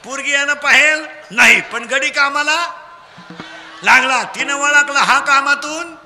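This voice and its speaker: Khandeshi preacher guy, super bright high voice, teasing kids and yelling prompts, faint hiss behind. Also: measured pace, in a large hall. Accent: Khandeshi Marathi. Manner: teasing, call-and-response with children, shouting prompts. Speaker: kirtan preacher. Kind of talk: humorous kirtan sermon to a crowd.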